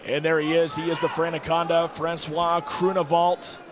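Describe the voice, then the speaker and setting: A man's voice: a little high, level tone, normal speed, a crowd in the background. A man giving live fight commentary as a commentator, with an emphatic delivery.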